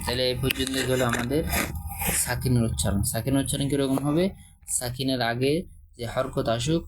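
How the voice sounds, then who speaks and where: Man teacher chanting arabic letter drills, flat steady voice, noisy room behind. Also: mid-range voice. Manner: slow, steady spelling-out chant. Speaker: Quran reading teacher.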